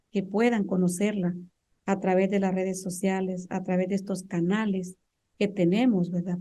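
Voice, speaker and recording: Woman, flat mellow voice. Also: mid-range voice. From Honduras. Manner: measured, with filler pauses. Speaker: human rights defender guest. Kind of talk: radio interview answers.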